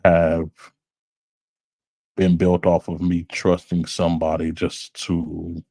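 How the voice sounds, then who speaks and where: Deep gravelly man, slow and halting. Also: monotone, mellow, dry recording. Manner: halting, many fillers, slow and reflective. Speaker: podcast co-host. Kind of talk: casual chat.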